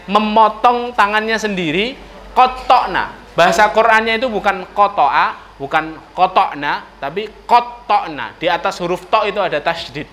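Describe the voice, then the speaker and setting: A man with a Javanese accent giving a lively storytelling sermon in a mosque, often turning to address the ladies in the audience. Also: sits high. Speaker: preacher. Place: mosque hall.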